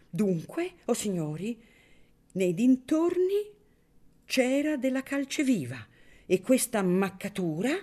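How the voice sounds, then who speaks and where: A woman's voice: mid-range voice, dark tone, pitched above the performer's own voice. A woman reading an audiobook, voicing a sly, pompous middle-aged male lawyer who declaims as if in court.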